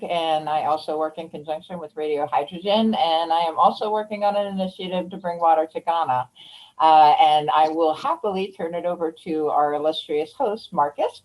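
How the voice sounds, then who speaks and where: A woman's voice: fairly low pitch, darkish tone, low-quality recording. A woman facilitating an online meeting, inviting each person to introduce themselves in a polite, formal, gracious way.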